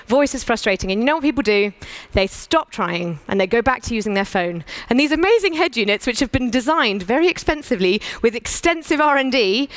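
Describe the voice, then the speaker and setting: A British woman giving a conference talk, brisk and persuasive, asking the audience rhetorical questions. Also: a little high, no room sound. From United Kingdom. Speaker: conference speaker.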